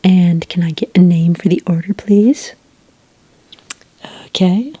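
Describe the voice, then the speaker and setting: Taking orders as a friendly witch in a quaint cafe, a woman with a lowish voice speaks in a very soft, breathy whisper for ASMR. The close, dry recording captures her calm, chatty, unhurried service.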